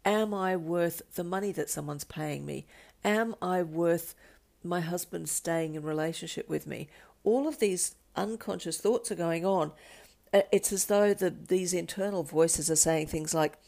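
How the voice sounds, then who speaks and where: A woman's voice: fairly low pitch, a little slow, creaky, a little mellow. A woman hosting her own podcast, talking through ideas on personal change, often repeating words as she searches for the next one. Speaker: podcast host, coach. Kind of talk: solo talk on personal change.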